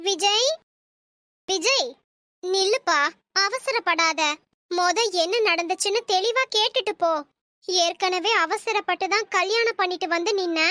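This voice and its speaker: A scheming cartoon mother, voiced by a woman, sounding very high and piercingly bright. She lectures and commands her son, then turns to pleading with put-on tears. The recording is completely dry and close. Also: measured pace, pauses often, no room sound, exaggerated voice. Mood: scolding. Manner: scolding, lecturing, fake tearful pleading. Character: stern scheming middle-aged mother, manipulative. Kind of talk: cartoon story voice acting.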